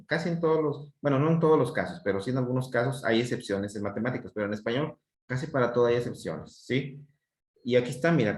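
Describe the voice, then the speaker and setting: A man with a Mexican accent walks students through spelling rules in a patient teaching voice. He keeps checking that the class follows along. The sound bounces around a roomy space. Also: medium pitch. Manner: explains patiently, repeats checks like "¿sí?" and "¿sale?". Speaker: Spanish grammar teacher. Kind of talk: online class lesson. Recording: echoey room.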